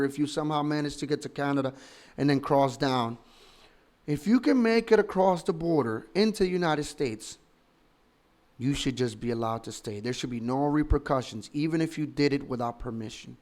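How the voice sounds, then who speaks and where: A man in his thirties from the Dominican Republic, a political commentator giving opinionated, emphatic and argumentative commentary full of rhetorical questions. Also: on the high side. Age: 30s.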